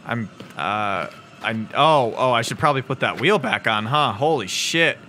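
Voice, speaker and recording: A man playing a video game, narrating casually with self-mocking jokes, swearing and sudden excited shouting. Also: mid-range voice, moderate pace, a little hiss or hum. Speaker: gaming video host. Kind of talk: let's play commentary.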